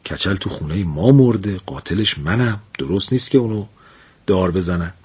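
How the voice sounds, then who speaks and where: A humble tailor pleading his guilt before a king, earnest and urgent, as a male storyteller puts him on. The voice is low and husky. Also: lively intonation, darkish tone, exaggerated voice.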